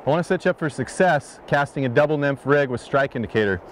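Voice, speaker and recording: A man narrates a fly fishing lesson in a calm, explanatory way. His voice is mid-pitched and steady. A faint outdoor ambience sits beneath it. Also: quick pace, slight background noise. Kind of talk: instructional voice-over narration.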